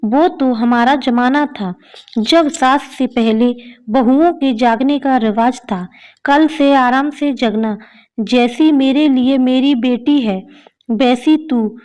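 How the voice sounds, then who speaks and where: A kindly older mother-in-law in a spoken storybook, doting and insistent, read by a woman. The voice sits high and moves along slowly, coaxing rather than commanding. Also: a little mellow. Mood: affectionate. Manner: affectionate, coaxing.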